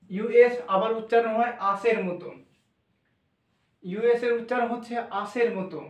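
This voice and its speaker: A man's voice: high-pitched, distant mic. A male teacher explaining English pronunciation, spelling words out and repeating each sound letter by letter. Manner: repetitive, drills sounds letter by letter. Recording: echoey room, voice from off the mic.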